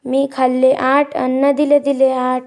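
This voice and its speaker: A woman's voice: sits high, monotone, takes it slowly, darkish tone. A woman reading the part of a teasing older schoolgirl sister in a storybook lesson.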